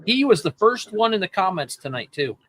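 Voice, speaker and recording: A man's voice: sits high, sing-song, fairly quick, a bit bright. A man chatting casually on a livestream, chiming in from away from the mic.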